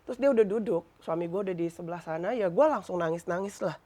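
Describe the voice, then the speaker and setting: A woman from Indonesia telling her story as an interview guest, mixing Indonesian with English in a lively, emotional retelling. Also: fairly low pitch, fast talker.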